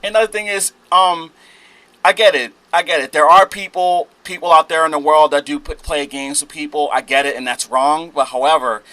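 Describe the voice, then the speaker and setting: A man hosting a reaction video, commenting in a measured, lecturing way with frequent hesitations and fillers. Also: a little high, fairly even intonation, bright, forceful tone, rough recording. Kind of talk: commentary on a played clip.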